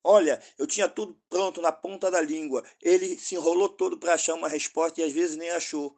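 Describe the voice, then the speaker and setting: A man's voice: a little high, steady tone, a little fast, vocal fry, a little mellow. A man with a Brazilian Portuguese accent, hosting a combative monologue that rebuts an opponent directly. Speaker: host.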